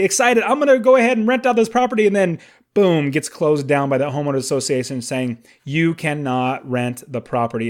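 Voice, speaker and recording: A man in his late thirties hosting a solo podcast, talking in an enthusiastic, conversational way with emphatic asides. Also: a little high. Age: 30s. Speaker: podcast host.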